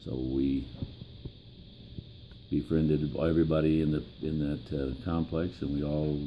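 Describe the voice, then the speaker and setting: An elderly American man with a gravelly old voice, reminiscing in a plain-spoken, halting way in an interview. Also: very deep voice, little pitch movement, lo-fi sound, slight background noise. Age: 70s or older. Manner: plain-spoken, halting, pausing mid-phrase. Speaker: interviewee, grandfather.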